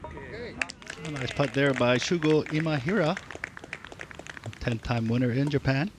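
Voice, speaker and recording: A man's voice: mid-range voice, measured pace. A man giving golf commentary as a commentator. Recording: clear outdoor background noise.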